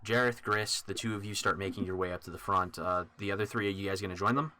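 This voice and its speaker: A man narrating as dungeon master in a relaxed way with many pauses and fillers. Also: low-pitched. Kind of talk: narrating a tabletop game.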